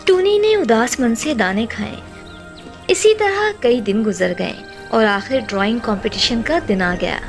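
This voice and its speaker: Brief: woman narrating a children's cartoon, lively, slightly high, faint music. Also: a little slow, vocal fry.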